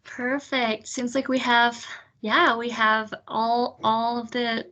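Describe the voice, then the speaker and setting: Woman, panel host, video call, bright tone, chatty, filler-heavy. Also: fairly high pitch, flat delivery, slow. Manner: lots of fillers, chatty explaining. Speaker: panel facilitator. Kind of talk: online panel hosting.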